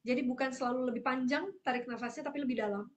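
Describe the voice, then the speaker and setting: A woman with a fairly high voice leads an online workshop on public speaking. She answers participants' questions in a lively, explanatory way and illustrates her points with examples. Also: quick pace. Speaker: speaking coach.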